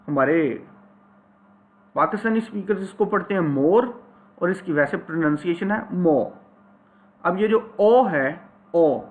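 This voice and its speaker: Casual: guy teaching phonetics, reads english bits real slow then explains, kinda high voice. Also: narrow, tinny audio. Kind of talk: lecture reading English text and explaining.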